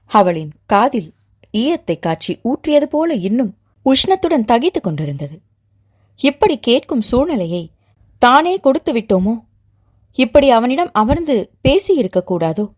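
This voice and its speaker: A woman narrator reading a novel aloud in an expressive storytelling manner. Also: a little high.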